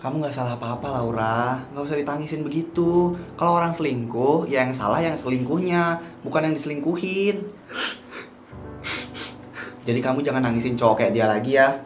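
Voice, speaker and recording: Guy playing a soft polite young dude from the future, calm, everyday voice. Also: medium pitch, normal speed, soft background music, lightly acted. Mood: soothing.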